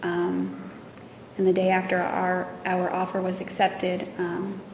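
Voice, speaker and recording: A woman testifying as a witness, speaking hesitantly with many pauses and fillers, in a courtroom recording. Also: fairly low pitch, monotone. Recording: echoey courtroom audio from far off with noise.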